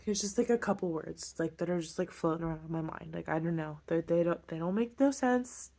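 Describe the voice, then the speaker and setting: Casual woman with a slightly low voice. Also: brisk, dark tone. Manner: informal, self-deprecating. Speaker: host of her own video. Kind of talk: casual chat to viewers.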